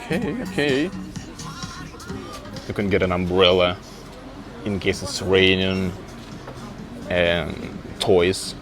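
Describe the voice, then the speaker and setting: In his relaxed walking vlog aimed at English learners, a man whose first language is Russian talks slowly in a low voice over music, with a crowd audible behind him. He wanders city streets and a small shop, curious and talkative, exclaiming often and leaning on "like."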